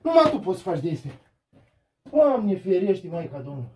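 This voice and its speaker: A man in an amateur comedy sketch, loudly bossing someone around and often bursting into laughter, outdoors in a rural yard. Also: sits high, very animated, breathy edge. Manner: loud, bossy, laughing.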